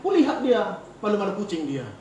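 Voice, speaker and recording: A pastor with a Batak Indonesian accent delivers a humorous sermon, telling stories with lively, animated swings of pitch. His voice sits fairly high for a man. He is heard in a roomy, echoing church hall from some distance, with faint noise behind. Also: fairly quick. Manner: animated, joking, storytelling.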